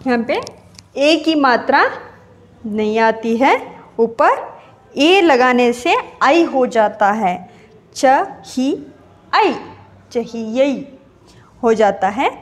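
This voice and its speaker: A woman's voice: a little high, animated, very slow, pauses often. A woman teacher giving a grade-school grammar lesson, spelling words out syllable by syllable and repeating each one drawn out.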